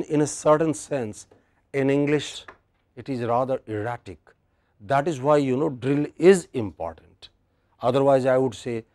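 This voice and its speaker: A man giving a classroom lecture on English word stress. He speaks slowly and patiently, repeats phrases and checks that his students follow. The sound is dry and close. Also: medium pitch, darkish tone, no echo. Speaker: English pronunciation teacher.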